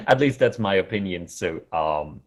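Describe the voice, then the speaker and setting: A man with a German accent gives an online conference talk in a casual, chatty way, halting often with fillers and restarts. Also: low voice, very animated. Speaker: conference speaker.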